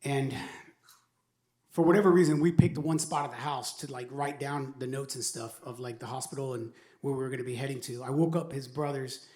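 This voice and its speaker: A man's voice: medium pitch, fairly even intonation, brisk, darkish tone. Middle-aged man, earnest, reflective, faith testimony, echoey room. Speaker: father giving a testimony. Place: university venue.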